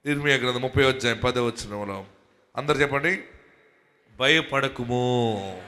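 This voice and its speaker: A man with a Telugu accent preaching a sermon as a pastor, moving from quiet talk to loud fervent shouting. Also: mid-range voice, fast talker. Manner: calls the congregation to say hallelujah. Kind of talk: Telugu sermon with prayer and promises.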